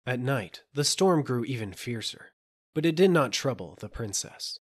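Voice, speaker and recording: A man narrating a fairy tale audiobook in an expressive storytelling manner. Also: medium pitch, moderate pace, breathy edge.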